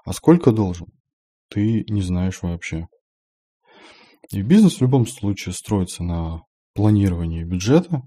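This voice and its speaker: An IT developer talks through his work experience in a casual, plain-spoken monologue, thinking aloud as he goes. His voice is fairly low, warm and husky.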